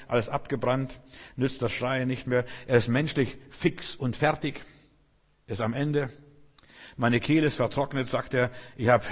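A man preaching an impassioned sermon, building repeated phrases and swinging between loud rallying and hushed moments. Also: medium pitch. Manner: impassioned, rising and falling emphasis, repetitive cadence. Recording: long hall reverb.

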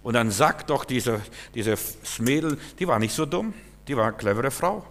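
A male preacher giving a sermon, speaking straight to his listeners and swinging between hushed and loud, emphatic lines. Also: medium pitch, lively intonation, normal speed, big-room sound.

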